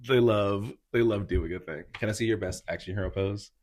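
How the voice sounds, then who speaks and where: A man's voice: on the low side, brisk, a little mellow. A man hosting a podcast interview in a casual, upbeat way, laughing often and talking with loose fillers. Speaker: podcast host. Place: indoor healing practice room.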